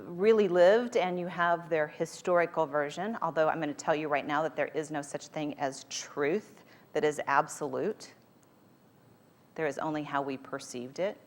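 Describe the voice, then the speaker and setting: A woman with a voice a little lower than most speaks as a coach and motivational presenter. She addresses a live group in an emphatic storytelling style, leaning on rhetorical questions to draw listeners in.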